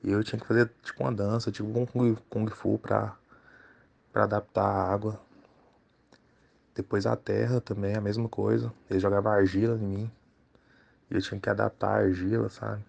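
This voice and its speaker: A man recounting a dream casually, halting and full of fillers. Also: lowish voice, little pitch movement, creaky, a little mellow. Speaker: dream storyteller.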